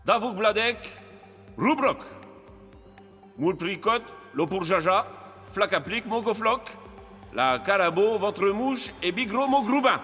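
A man's voice: sits high, expressive, bright, forceful tone, full character voice. A man playing a pompous male spokesperson who declaims in made-up gibberish. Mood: declamatory. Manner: declamatory, slow, rolling nonsense words. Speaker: honorary spokesperson. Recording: long hall reverb, music under.

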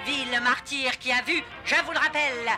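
Woman host, piercing high voice, flustered, fawning, comic radio sketch. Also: steady tone, normal speed. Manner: fussy, flustered and deferential. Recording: faint music under the voice.

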